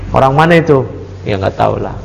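A man's voice: medium pitch, expressive, fast, vocal fry. A man teaching a religious study circle, conversational, reciting verses and then explaining them casually while asking the audience questions. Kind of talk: sermon-style book study. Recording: long reverb, faint background noise.

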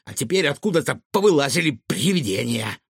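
A man voicing an excitable bearded male cook who blurts out indignant outbursts. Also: mid-range voice, fairly quick, breathy edge, no room sound, clean studio sound. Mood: explaining.

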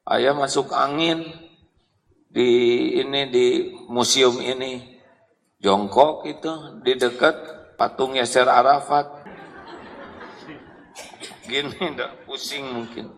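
Gravelly preacher in a hall. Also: male voice, slow pace, pauses often. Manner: animated, joking, jumps into high voices for quotes. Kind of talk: humorous Islamic sermon to an audience.

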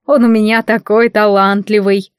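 A woman voicing an overbearing, meddling middle-aged mother who speaks slowly and preachily in an audiobook. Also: medium pitch, level tone, clean tone, dry recording, clean studio sound, close to an everyday voice. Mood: domineering. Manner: slow, domineering, preachy.

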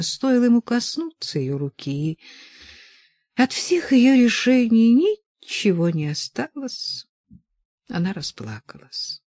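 Expressive audiobook narrator, dry close sound. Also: medium pitch, no room sound.

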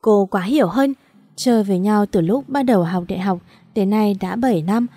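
A woman's voice: medium pitch, moderate pace, mellow, no room sound. A woman narrating an audio story in a sorrowful, emotional manner, close to the mic.

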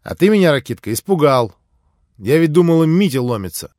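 A man reading an audiobook voices a lively, capricious young woman who teases playfully and flares up fiercely. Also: a little high, brisk, no room sound, clean studio sound, voice pushed up. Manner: playful, teasing, then vehement.

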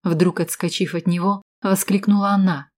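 A woman's voice: on the low side, fairly even intonation, normal speed, darkish tone. A woman reading a story aloud with tense, dramatic narration.

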